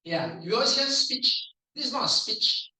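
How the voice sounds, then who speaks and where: Singaporean guy doing pronunciation drills at a speaking club, playful, bright voice, far off the mic in a really echoey room. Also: extremely high pitch, animated. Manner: playful, drills words aloud slowly for the audience. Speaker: language evaluator at a speaking club. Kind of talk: club speech evaluation and pronunciation coaching.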